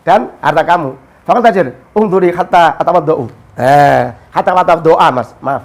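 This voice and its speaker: A man's voice: on the high side, normal speed. A man, a religious teacher explaining a story in casual talk and quoting Arabic texts. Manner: storytelling, mixes Arabic quotes with explanation, animated.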